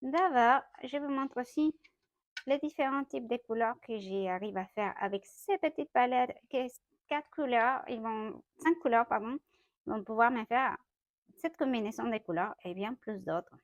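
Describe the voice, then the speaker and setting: A woman's voice: a little high, a little slow, no room sound, muffled recording. Mexican-accented woman, dry close sound. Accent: Mexican Spanish. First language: Spanish. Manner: chatty, self-correcting, light laughs. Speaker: watercolor artist. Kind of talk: casual art tutorial. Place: home art studio.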